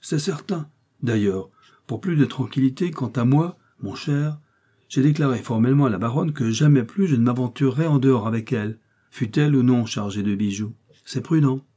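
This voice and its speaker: A man's voice: medium pitch, normal speed, mellow, husky, lightly acted. A man reading an audiobook, voicing a vain, self-important male poet who declaims in a lofty, grandiloquent way. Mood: haughty.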